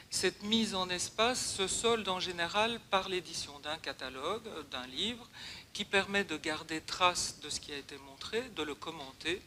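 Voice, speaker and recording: Woman speaker, bright voice, thinking aloud, restarts her sentences, slight hiss behind. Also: fairly low pitch. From Belgium. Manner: hesitant, restarts phrases often. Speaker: guest speaker. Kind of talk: conference talk.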